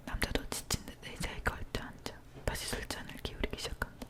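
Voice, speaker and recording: Woman leaning in to whisper, breathy ASMR. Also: fairly quick. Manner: leaning in to whisper, close to the ear. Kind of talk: ASMR whispered reading of a dark story. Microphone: close ear-to-ear microphone.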